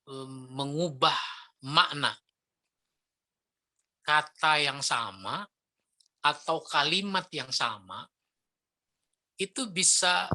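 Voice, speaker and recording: A middle-aged man lecturing on preaching technique, lively and demonstrating intonation with spoken examples. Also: on the high side. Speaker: Islamic preacher trainer.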